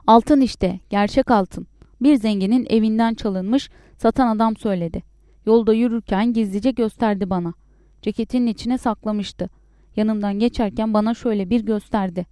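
A woman voicing a sulky, childish peasant husband who shouts back defensively and whines. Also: medium pitch, steady tone, normal speed, no room sound, studio quality, close to an everyday voice. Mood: petulant.

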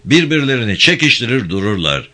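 A man voicing a calm, respected rich village man who speaks in a measured, reproachful way. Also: mid-range voice, voice pushed up.

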